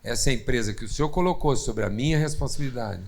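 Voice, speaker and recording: A man's voice: medium pitch, fast. A Brazilian man co-leading a sermon dialogue, speaking with firm, affirming conviction. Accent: Brazilian Portuguese. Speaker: co-host pastor.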